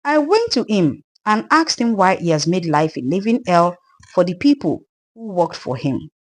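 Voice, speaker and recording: Speaking with a Nigerian accent, a woman plays the grieving, wronged ghost of a murdered widow in a dramatised folktale. Her fairly low voice swings widely in pitch at normal speed, and her delivery is plaintive and earnest.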